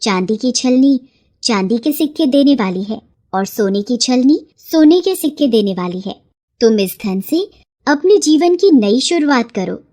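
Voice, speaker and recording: A woman's voice: on the high side, lively intonation, a little slow, warm tone. A woman voicing a female pond goddess in a cartoon, kind to the honest and scolding to the greedy. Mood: kindly. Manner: solemn, rebuking.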